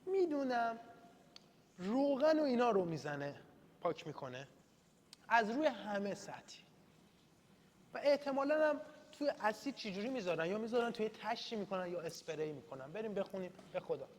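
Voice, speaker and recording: Here the lecturer's high, dark-toned voice is very animated. He runs a relaxed study-session lecture in class, self-deprecating and talkative, dropping in English terms he reads out; the room is echoey with a little background noise.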